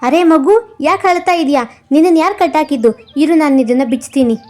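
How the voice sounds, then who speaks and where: A woman voicing a kind, childless man in a cartoon who gently coaxes a lost boy. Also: sits high, fairly quick, faint music behind, pitched above the performer's own voice, close to an everyday voice. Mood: gentle, concerned. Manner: gentle, coaxing.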